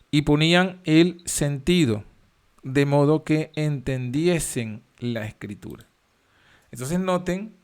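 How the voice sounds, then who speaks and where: A man teaching a Bible study, reading verses aloud and then explaining them with frequent pauses and fillers. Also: medium pitch.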